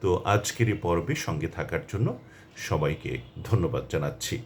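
A man giving a pronunciation lesson, speaking in a measured way and stressing each syllable of the example words. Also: low voice, faint music behind. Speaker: pronunciation teacher. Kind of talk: instructional talk to camera.

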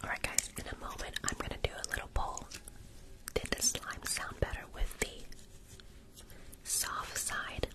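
A man's voice: measured pace, pauses often. Whispering young man, ASMR host. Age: young adult. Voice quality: unvoiced whisper. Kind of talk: ASMR whispering, casual live chat with viewers. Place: small bedroom, indoors. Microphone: close desktop microphone, sometimes with furry windscreen.

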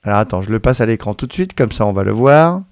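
A man's voice: fairly low pitch, expressive, fast, smooth, no echo, clean studio sound. A playful man, hosting a casual educational chat and joking as he plays confused. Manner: playful, jokey, feigns confusion. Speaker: show host.

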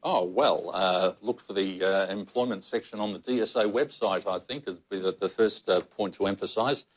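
A measured Australian man speaks with a very low, deep voice. He explains clinical matters steadily on a panel, seated at a table in a meeting room. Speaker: psychogeriatrician panellist. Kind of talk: panel discussion answers.

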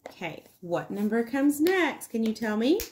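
A woman teaching a counting lesson to young children, encouraging and sing-song, asking questions and pausing for answers. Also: fairly high pitch, very animated, a little mellow, slight background noise. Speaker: early-years teacher hosting an online circle time.

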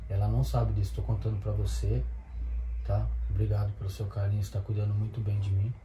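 A man plays a recovered husband who throws out his gold-digging wife, confiding softly at first and then shouting. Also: fairly low pitch, little pitch movement, fast, background noise, natural voice. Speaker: actor in a homemade web drama. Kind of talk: amateur melodrama acting. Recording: roomy echo, faint ambience.

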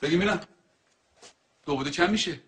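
A man's voice: a little high, bright, forceful tone. A man playing a strict, domineering schoolteacher in a dubbed film, commanding and scolding as he drills his class. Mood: stern.

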